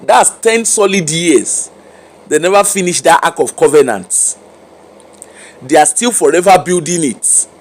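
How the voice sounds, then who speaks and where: A Nigerian man with a fairly high voice and a measured pace offers informal opinion commentary in Nigerian Pidgin mixed with English. He challenges his listeners with repeated rhetorical questions.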